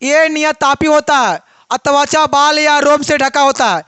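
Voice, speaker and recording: A woman's voice: sits high, steady tone, unhurried, a bit bright, no echo. A woman teacher giving a biology lesson, asking the class questions and then answering them herself.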